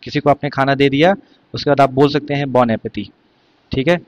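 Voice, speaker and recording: Male teacher, mid-pitched, explains terms step by step and quizzes students. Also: fairly even intonation, fairly quick. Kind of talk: exam vocabulary lesson.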